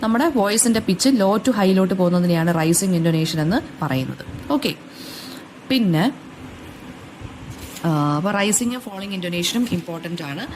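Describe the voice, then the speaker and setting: A woman with a Kerala accent explaining English phonetics for exam notes, stopping often with fillers and saying English example phrases slowly. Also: lowish voice, a little mellow, a little hiss or hum. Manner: frequent fillers and self-restarts. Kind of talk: exam-notes lecture in Malayalam.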